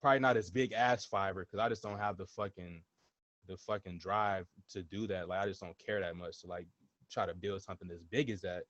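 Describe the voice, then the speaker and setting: Young man, podcast host, low voice, swears a lot, dull dry lo-fi sound. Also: steady tone, a little fast, fairly bright tone, dry recording. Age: 20s. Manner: blunt, swears freely, emphatic repetitions. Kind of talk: casual interview chat.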